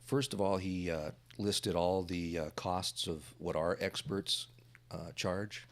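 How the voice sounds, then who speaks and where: A man with a very deep voice talks on a podcast panel as a defense trial lawyer. He speaks haltingly and leans on fillers as he recalls cases. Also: steady tone.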